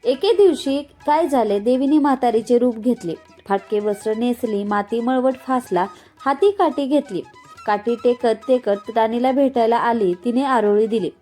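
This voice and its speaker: A woman reading a devotional folk story aloud in a steady, expressive storytelling manner. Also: on the high side, moderate pace. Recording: faint background music.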